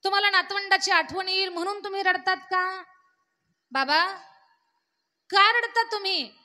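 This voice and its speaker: A woman's voice: extremely high pitch, moderate pace, pushed and bright, voice pushed up, exaggerated voice. A woman voicing a grown son who anxiously pleads with his father through urgent, repeated questions. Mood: pleading. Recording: long hall reverb.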